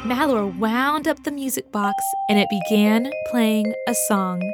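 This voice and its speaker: A woman reading a children's story aloud with gentle, expressive storytelling. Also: on the high side, measured pace. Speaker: narrator. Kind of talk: scripted children's story narration. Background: music for children.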